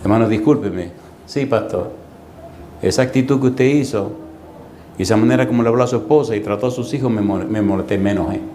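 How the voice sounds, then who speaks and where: A male pastor preaching a sermon, telling lively stories with sound effects and repeated rhetorical questions. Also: mid-range voice, fast, a little hiss or hum. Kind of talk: storytelling sermon.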